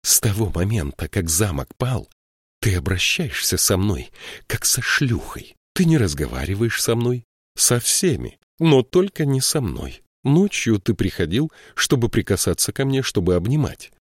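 A man voicing a proud, furious young woman who pleads and shouts in a raised voice. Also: fairly low pitch, very animated, a little slow, husky, dry recording, clean studio sound, voice pushed up, heavily acted. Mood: bitter reproach.

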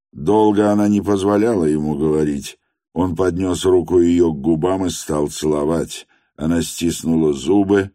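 A man narrating a classic novel as an audiobook, in a measured, expressive storytelling manner. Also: low voice, dry recording, clean studio sound.

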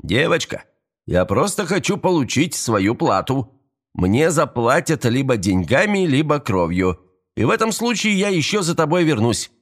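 A man voicing a cruel, mocking young male gang thug in an audiobook, with a high, sneering, taunting voice.

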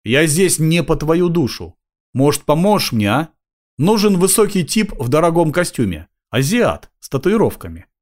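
Guy doing a swaggering cop, pompous, a bit lively. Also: on the high side, normal speed, voice pushed up. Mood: cocky. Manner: self-important, wheedling. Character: cocky middle-aged male street cop.

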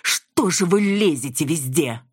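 Casting: woman as a menacing male thug doctor, low husky voice, slow tirade. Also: lively intonation, dry recording, clean studio sound, exaggerated voice. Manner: gruff and snapping, then a slow menacing tirade. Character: brutal, shifty fake male doctor.

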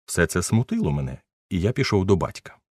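A man narrating a story as an audiobook reader, with expressive, ironic storytelling. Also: deep voice, fairly quick, dry recording, studio quality. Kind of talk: scripted story reading.

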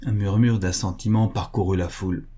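A man reading a literary short story aloud in a measured, even storytelling manner. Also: low-pitched. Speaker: audiobook narrator. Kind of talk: scripted literary narration.

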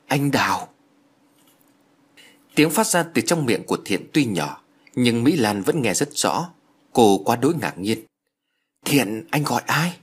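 A man narrating an audio story in an expressive, dramatic way. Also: lowish voice, husky.

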